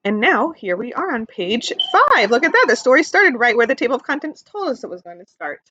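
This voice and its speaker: Reading a picture book aloud to young children, a woman keeps things animated, asking questions and explaining ideas simply. Her voice is fairly high and a little quick, and the audio sounds dull.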